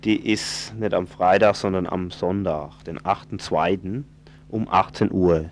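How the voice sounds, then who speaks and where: This man reads event listings on community radio in a loose, informal way, stumbling and correcting himself as he goes. He's from southwest Germany, with a low voice, fairly even intonation and a measured pace, and a little hiss or hum sits under the casual live announcements.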